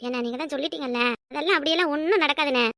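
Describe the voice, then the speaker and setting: A woman's voice: high voice, racing, fairly bright tone, no room sound, clean studio sound. A woman voicing a practical, scolding village woman named Rani in a cartoon, with a southern Tamil Nadu rural accent. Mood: polite. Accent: southern Tamil Nadu rural dialect. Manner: scolding, worldly. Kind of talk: cartoon voice acting.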